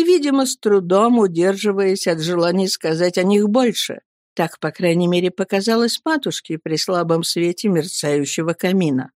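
A woman narrating a classic novel as an audiobook, in a measured storytelling manner. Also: medium pitch, no echo, clean studio sound. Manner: measured storytelling with animated intonation. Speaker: audiobook reader.

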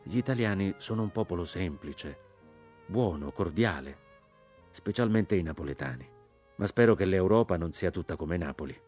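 A man voicing a polite, earnest American general in an audiobook, speaking mildly and measured. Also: low-pitched, animated, darkish tone, soft background music.

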